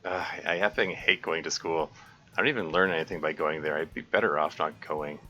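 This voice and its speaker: A man with a bass voice reads a visual novel aloud on a live stream, speaking fairly quickly in a steady, pushed, bright tone. He often stops to correct himself and laugh, and the stream audio is dull and lo-fi with faint music.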